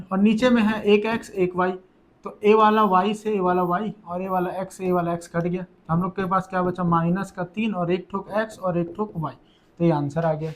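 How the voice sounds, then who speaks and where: A young man teaching school maths for exams in a quick, chatty way, repeating each step. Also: sits high. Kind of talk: exam-prep maths lesson.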